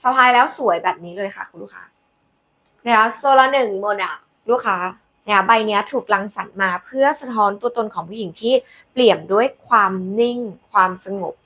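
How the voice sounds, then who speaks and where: A woman hosting a live sales pitch, demonstrating products in a chatty, coaxing way with polite endearments to customers. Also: a little fast, bright, forceful tone. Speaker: live-selling host presenting handbags.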